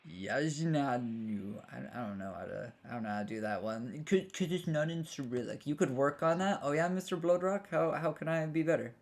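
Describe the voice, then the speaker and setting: A man's voice: medium pitch, moderate pace, few pauses. Chatty young American man streaming. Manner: rambling, chatty, answers chat, many restarts. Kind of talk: casual live-stream chat while gaming.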